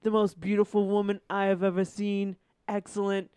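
A pompous, boastful older man with a nasal voice, as a woman reading a comedy story puts him on. He sounds crude and smug, with a smooth, dry sound. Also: medium pitch, level tone, moderate pace, warm tone, dry recording, natural voice.

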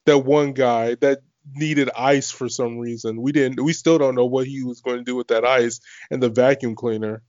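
A man's voice: medium pitch, fairly even intonation, normal speed, hardly any pauses, a little mellow, dry recording. Joking man in dull lo-fi recording. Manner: joking, crude banter, laughs often. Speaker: co-host watching a TV show. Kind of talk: casual chat. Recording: dull lo-fi dry sound.

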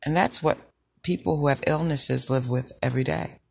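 A woman with a low, sultry voice hosting a personal podcast, speaking in a deliberate, reflective way with pauses. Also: gravelly, darkish tone, no echo. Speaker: podcast host. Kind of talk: personal health podcast monologue.

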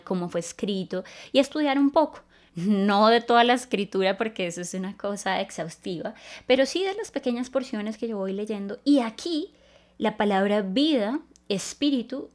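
A woman's voice: mid-range voice, darkish tone. A woman preaching a Bible teaching sermon, explaining word meanings in an earnest, patient way.

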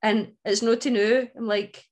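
A woman's voice: on the high side, steady tone, a little slow, darkish tone. A woman with a broad Scottish accent, telling personal stories in a casual, candid chat as a co-host. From Scotland. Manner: broad Scots speech, informal and candid. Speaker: book club podcast co-host.

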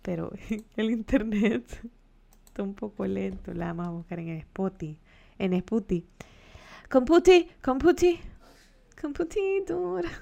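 A woman's voice: mid-range voice, little pitch movement, moderate pace, gravelly, dark tone. A woman with a Mexican accent chatting casually on a livestream, joking with her viewers and laughing often.

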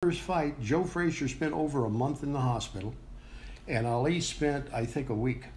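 A man's voice: mid-range voice, normal speed, music in the background. A man chatting casually as a guest commentator, acting out the action with sound words. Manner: animated, acts out punches with sound words. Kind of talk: casual chat.

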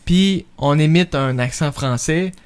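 A Québécois man co-hosting a comedy podcast in a fairly high voice. He rambles and restarts his sentences, tossing in quick asides between thoughts. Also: clear, resonant tone. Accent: Québécois French. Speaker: podcast co-host. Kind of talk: casual comedy podcast chat.

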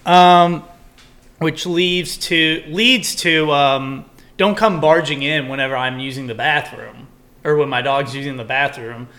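Bright-voiced young guy on a podcast, rambly and sweary, gets loud when he rants. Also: a little high, unhurried. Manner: rambling, profane, animated when ranting. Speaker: podcast co-host. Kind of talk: casual chat.

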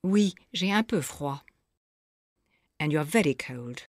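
A woman narrating a scripted audio language lesson, explaining phrases slowly and clearly for the listener to repeat. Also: deep voice, lively intonation, no echo, clean studio sound. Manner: slow, clear teaching delivery with pauses for repetition.

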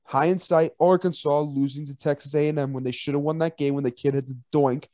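A man's voice: a little high, steady tone, a little fast, mellow, dry recording, studio quality. A man co-hosting a casual college football betting podcast, rowdy and laughing a lot as he makes picks. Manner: rowdy, laughing, chanting fight songs. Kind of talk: casual sports betting chat.

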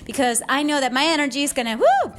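A woman's voice: high voice, big pitch swings, quick pace, fairly bright tone, slight background noise. A woman fitness instructor and podcast host coaching a workout like an aerobics instructor, enthusiastic, bubbly and encouraging.

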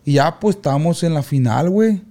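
A young man, telling childhood stories in casual podcast chat with loud outbursts. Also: a little high, a little fast. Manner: animated slangy storyteller, loud outbursts. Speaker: podcast co-host.

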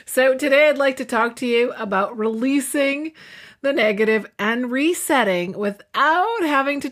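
A woman's voice: on the high side, fairly bright tone. A woman who hosts an inspirational radio show and works as a life coach, talking in an upbeat, conversational way. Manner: upbeat, conversational, reads a joke aloud.

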